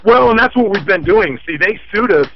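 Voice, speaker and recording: A man's voice: high voice, lively intonation, a little fast, slight background noise. A man calling in to a radio show over the phone, explaining his complaint step by step. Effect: heard over a phone line. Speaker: caller to a consumer-advice radio show. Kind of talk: call-in conversation. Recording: muffled dry phone line.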